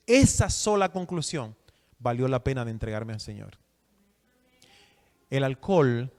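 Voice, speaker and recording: A Dominican man with a mid-range, darkish voice preaches an emphatic teaching sermon, putting questions to his audience. The recording carries long hall reverb.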